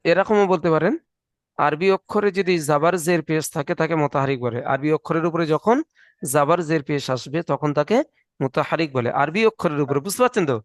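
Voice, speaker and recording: Patient high-voiced male Quran tutor. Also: brisk, no room sound, clean studio sound. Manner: patient, drills letters, asks and repeats. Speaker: Quran recitation teacher. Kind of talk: online one-on-one tutoring.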